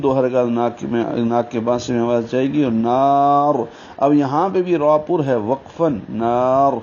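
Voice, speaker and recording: Methodical male tajweed teacher, dark tone. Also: medium pitch. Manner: methodical, slowly drawn-out chanted recitation of examples. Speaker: Quran recitation teacher. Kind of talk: tajweed lesson with recited examples. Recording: dull lo-fi recording with faint hiss.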